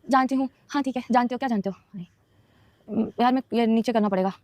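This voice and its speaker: In a dry recording, this young woman's fairly high, slightly mellow voice comes through as she responds to viewers on a casual stream. She's defensive and emotional, addressing her audience directly and fast.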